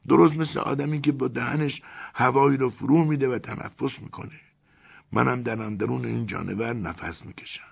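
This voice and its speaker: A man's voice: mid-range voice, gravelly, husky, voice pushed up. A man voicing a vain, deluded male clerk swallowed by a crocodile, who talks boastfully and lectures in a preachy tone, on a dull lo-fi recording. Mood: calm lecturing.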